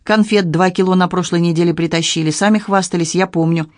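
A man's voice: sits high, steady tone, brisk, no echo, studio quality, natural voice. A man reading an audiobook, voicing a blunt, sarcastic young woman with a mocking, cutting manner. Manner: mocking, cutting, coldly matter-of-fact.

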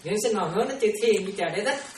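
A woman's voice: medium pitch, expressive, very fast, darkish tone. A woman teaching in a Buddhist talk, chatty, often checking whether listeners follow and laughing now and then. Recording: echoey room, distant mic, noisy.

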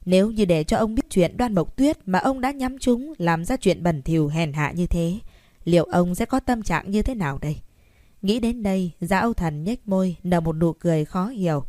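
A woman narrating an audiobook story in a steady, even reading. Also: fairly low pitch, moderate pace, dry recording, studio quality.

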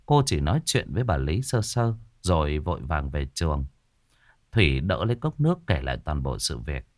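A man narrating a horror story in a slow, suspenseful storytelling manner. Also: extremely low pitch, big pitch swings, dry recording, studio quality.

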